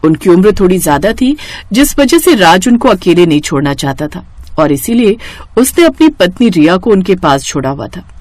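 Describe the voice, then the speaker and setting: A woman narrating a scripted family story with lively, expressive delivery. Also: lowish voice, moderate pace, dry recording.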